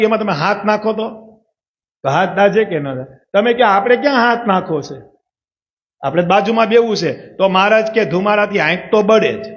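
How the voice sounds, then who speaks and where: Man, high voice, Saurashtrian accent, storytelling preacher at a religious gathering, muffled recording. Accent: Saurashtrian Gujarati. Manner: asks the audience rhetorical questions. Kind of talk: devotional story sermon. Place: religious assembly.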